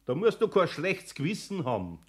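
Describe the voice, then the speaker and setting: A gruff, older Bavarian carpenter in a radio play. He grumbles and presses with questions, his voice rising and falling in lively swings. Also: a little high, normal speed. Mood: suspicious. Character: gruff older master carpenter, patient but suspicious.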